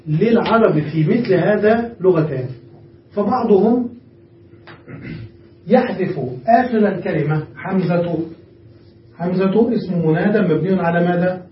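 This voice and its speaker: In a distant, muffled, echoing classroom recording with a faint hiss or hum, a high-voiced man patiently teaches grammar. He often stops to make sure his students have understood.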